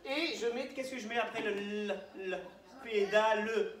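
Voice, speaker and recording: A woman teaches a class of young children, patiently asking questions and drawing out their answers. Her voice sits a little high. The sound is echoey and distant, as if recorded from across a classroom. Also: normal speed, a bit bright, a little hiss or hum.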